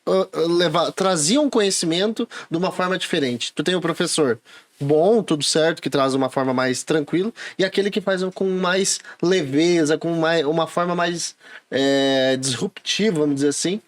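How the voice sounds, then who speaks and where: Male host, fairly high voice, encouraging, reflective. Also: moderate pace. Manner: encouraging, laughs along, reflective. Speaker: podcast host. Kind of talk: casual podcast chat.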